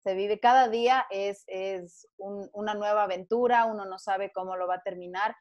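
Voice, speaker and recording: A woman speaks as a guest in a conversational panel. Her voice sits at a middling pitch. She tells her story earnestly, often restarting her sentences. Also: fairly even intonation, moderate pace, highs cut off. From Ecuador.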